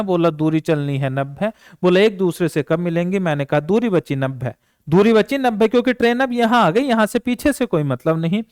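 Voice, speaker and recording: A male math teacher walks through exam problems step by step, firing off questions and answering them himself. His voice sits high and moves lively up and down. The sound is dry and close, with no room around it. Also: no room sound. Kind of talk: exam-prep math lesson.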